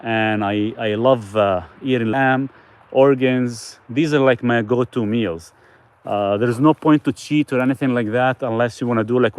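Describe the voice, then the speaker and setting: A man's voice: medium pitch, darkish tone, no echo. Man rambling through a live Q&A. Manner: loose and rambling, with frequent restarts. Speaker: host answering viewer questions. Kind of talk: casual live Q&A.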